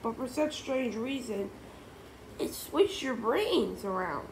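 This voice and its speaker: A woman voicing a clever schoolboy who explains a mix-up in a read-aloud storybook, brisk and stumbling over words. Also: fairly high pitch, animated, a little hiss or hum, pitched above the performer's own voice, low-quality recording. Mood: explaining.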